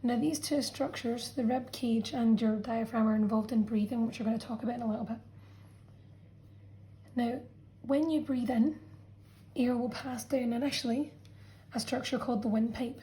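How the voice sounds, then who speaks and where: Her voice is on the high side with a dark tone, and the recording is rough. She's a science teacher narrating a revision lesson over a drawn diagram, explaining things patiently and checking in with "okay" as she goes.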